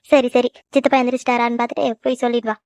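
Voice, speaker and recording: A woman voicing a tender, emotional middle-aged mother in a cartoon, talking quickly and fondly. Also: fairly high pitch, flat delivery, a little mellow, no room sound, lightly acted. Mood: tearful. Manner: affectionate, quick, tearful at times. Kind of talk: cartoon voice acting. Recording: dry, dull lo-fi recording.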